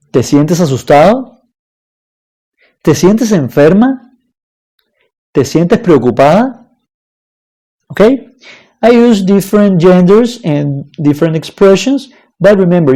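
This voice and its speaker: Slow, lively-voiced language teacher. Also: medium pitch. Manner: slow, deliberate, checks in with "okay?" and "right?". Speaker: Spanish teacher. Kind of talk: online language lesson.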